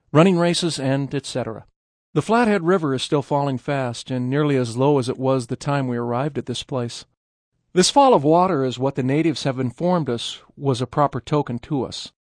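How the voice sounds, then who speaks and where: An army captain of the early 1800s reads out his expedition journal, acted by a man for a radio documentary. The voice is middle-pitched and scripted, in a very dry recording. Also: dry recording, close to an everyday voice.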